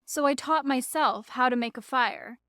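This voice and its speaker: A reader voicing Roz, a polite female robot who speaks in plain, literal, evenly measured sentences for an audiobook. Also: high-pitched, bright, forceful tone, no room sound, clean studio sound. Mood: calm literal. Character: calm polite female robot, learning to be friendly. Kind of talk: audiobook character voice.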